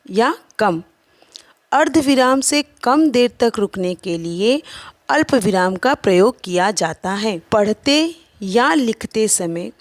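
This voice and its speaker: A woman teacher giving a grammar lesson to children, explaining slowly and listing examples one by one. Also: on the high side, dry recording. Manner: slow, careful explaining with listed examples.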